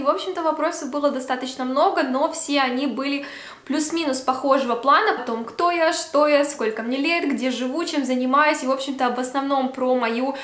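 A 25-year-old Belarusian beauty vlogger sits by a Christmas tree at home, chatting casually to camera for a Q&A vlog and packing her talk with fillers. Her voice sits high with a fairly bright tone, and the room is reverberant.

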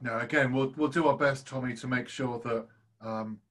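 A man's voice: mid-range voice, fairly even intonation, moderate pace, a bit bright. A man hosting an online student session from home, enthusiastic and effusive in his praise. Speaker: host, course leader. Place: home, on a video call.

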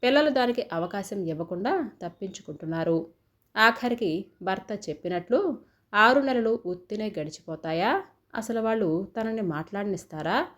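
A woman narrating an audio story in a steady, reflective way, often asking rhetorical questions. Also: mid-range voice, normal speed.

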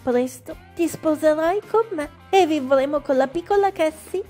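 A woman's voice: high voice, normal speed, dark tone, soft background music, natural voice. A woman voicing a cheerful fairy woman in love in a doll-play drama, speaking in a breezy, composed way.

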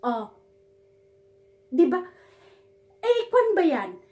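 A woman's voice: sits high, sing-song, drawn-out words, mellow. A woman from the Philippines vlogging a reaction, scolding and mocking with sarcasm, often stumbling and repeating words. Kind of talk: ranting reaction vlog.

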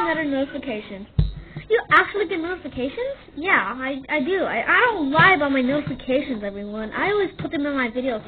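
A woman playing a self-important young female YouTuber in a comedy skit, talking in a dramatic, over-the-top, squealing way. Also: high voice. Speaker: skit performer. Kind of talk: comedy skit role-play. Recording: tinny phone-like audio with background noise.

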